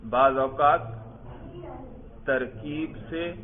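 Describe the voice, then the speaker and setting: A man's voice: fairly high pitch, fairly even intonation. A male teacher giving a classroom grammar lesson, quizzing students step by step and praising their answers. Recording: tinny phone-like sound.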